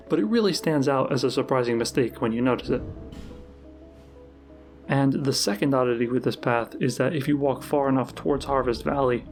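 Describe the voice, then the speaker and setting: A man's mid-pitched voice delivers scripted narration in the manner of a top-list countdown about video games. He explains each point in a measured way, with music playing behind him. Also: a little mellow. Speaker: video game YouTuber, narrator. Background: background music.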